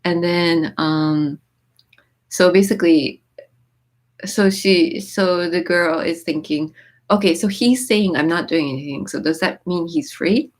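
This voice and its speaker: Japan-born and US-raised, with Japanese as her first language, this livestream host keeps things casual, reading viewer comments and explaining song lyrics with frequent ums and restarts. Her pitch is fairly low and she talks a little slowly.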